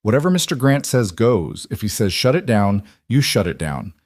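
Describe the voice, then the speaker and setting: A man voicing a calm, authoritative woman executive on a speakerphone call. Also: on the low side, normal speed, no room sound, clean studio sound.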